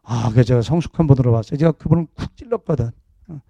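Casting: man, middle-aged pastor, gravelly, mellow voice, dry close sound, jokey sermon delivery. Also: medium pitch, very fast, no echo, highs cut off. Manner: jokey, conversational preaching with laughs.

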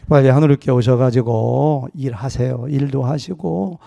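Gravelly-voiced pastor telling stories. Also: male voice, mid-range voice, moderate pace, warm tone. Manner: anecdotal and humorous, acting out dialogue in a wide-ranging voice. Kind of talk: sermon with storytelling.

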